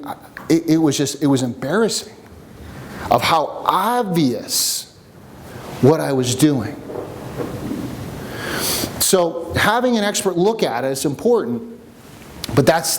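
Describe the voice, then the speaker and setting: A man coaching a workshop group, teaching with jokes and a personal story in an animated way. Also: on the high side, slight background noise. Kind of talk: seminar teaching with stories. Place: room with a live audience.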